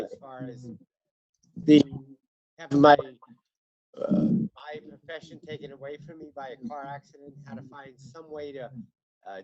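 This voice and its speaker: A man's voice: a little high, dull audio. Man on a glitchy, breaking-up call line. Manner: halting, with many pauses and fillers. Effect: glitchy call audio breaking up and dropping in and out. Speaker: guest speaker on a group video call. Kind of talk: impromptu testimonial on a conference call. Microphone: computer mic on a video call. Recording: choppy internet call audio with jumping volume.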